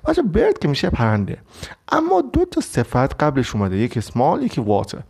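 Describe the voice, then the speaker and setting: Lively male English vocabulary teacher. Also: mid-range voice, creaky, breathy edge. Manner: explains step by step, reads English examples slowly. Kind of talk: recorded online lesson.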